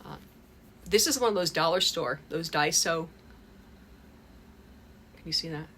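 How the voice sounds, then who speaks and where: Chatty woman vlogger, bright tone. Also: low-pitched, unhurried, slight background noise. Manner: chatty, rambling, with many fillers and restarts. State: a little out of breath. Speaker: crochet vlogger. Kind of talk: casual chat to camera. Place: home in Japan.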